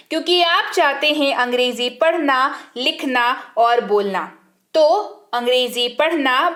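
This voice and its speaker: Slow, high-voiced woman teaching English. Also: fairly bright tone. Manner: slow and deliberate, spells words letter by letter, asks rhetorical questions. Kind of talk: spoken language lesson.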